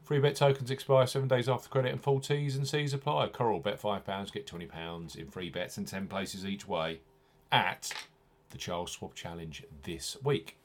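A man's voice: on the low side, moderate pace, a little hiss or hum. A man hosting a podcast, reading scripted betting promotions like an announcer, leaning hard on key phrases. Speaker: podcast host.

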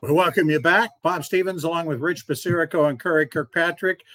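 A man hosting a casual sports talk show, relaxed in manner and steering the talk to breaks. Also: a little high, brisk. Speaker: host.

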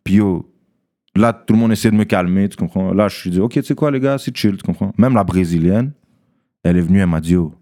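Talking fast in a low voice, a young man spins an animated, casual story for his friends. He mixes in English slang and keeps asking "tu comprends?"

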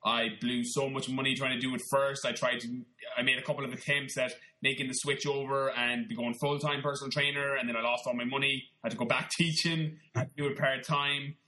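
West of Ireland man, bright forceful voice. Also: medium pitch, little pitch movement, fairly quick, rough recording. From Galway, west of Ireland. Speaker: podcast guest, personal trainer. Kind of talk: conversational interview, telling own story.

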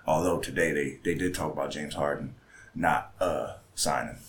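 A man co-hosting a casual chat, telling stories in an animated way and mimicking other people's voices. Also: very deep voice, normal speed.

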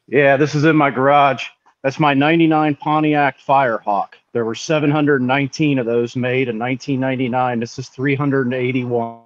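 A man's voice: medium pitch, flat delivery, normal speed, lo-fi sound. A man eagerly showing off his car on a video call, talkative and enthusiastic about it. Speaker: guest.

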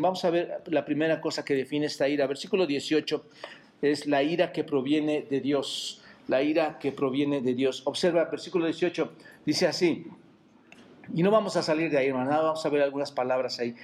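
A man with a Mexican Spanish accent preaching a sermon as pastor, asking the congregation rhetorical questions and dropping his voice to a quiet aside on "brothers". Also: fairly high pitch. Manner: repeats "hermanos" in a dropped, quiet voice. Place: church.

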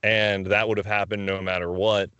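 A man's voice: lowish voice, flat delivery, moderate pace, pushed and bright, smooth, dry recording, lo-fi sound. A man in casual conversation, retelling film scenes and acting out the characters' lines.

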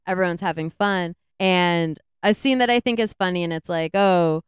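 A woman co-hosting a podcast, retelling a film's plot in a rambling, animated way with lots of "like"s. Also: fairly low pitch, normal speed, clean tone, no echo, studio quality. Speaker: podcast co-host. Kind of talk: casual movie review chat.

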